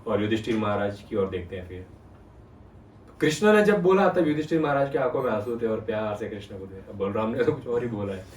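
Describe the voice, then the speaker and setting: Here the storyteller sounds fairly low-pitched and fairly quick as he animatedly recounts scripture and questions the listeners in his devotional discourse. The sound is roomy from a faraway mic, with slight background noise.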